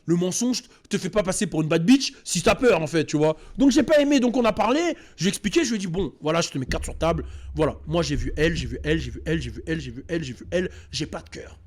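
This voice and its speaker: A man host telling a personal story in a casual, animated, slangy way, with many restarts and repeats. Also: a little high, quick pace, few pauses.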